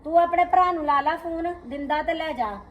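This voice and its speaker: An actress playing a middle-aged sister-in-law who scolds with indignant rhetorical questions, speaking Punjabi-accented. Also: female voice, very high voice, moderate pace, lo-fi sound. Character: sister-in-law defending her household, middle-aged woman. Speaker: actor in a family drama. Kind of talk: scripted short film acting.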